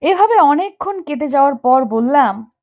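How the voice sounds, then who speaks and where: Actress doing a young wife, earnest, questioning, high voice, dry close mic, storytelling. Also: female voice, lively intonation, moderate pace, a little mellow, no echo. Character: young wife, hurt and puzzled. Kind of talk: Bengali audio story narration and acting.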